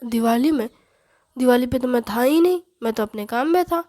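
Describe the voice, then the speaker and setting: A woman's voice: fairly high pitch, expressive, moderate pace, dark tone, close to an everyday voice. A woman playing a whiny newly married son. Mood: pleading. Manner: complaining, pleading.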